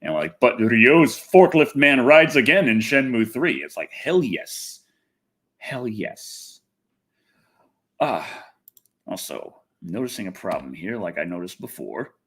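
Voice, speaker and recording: This livestream host has a lowish, slightly rough voice and speaks slowly. He covers gaming and movie news casually, rambling with lots of energy and frequently breaking off his own sentences.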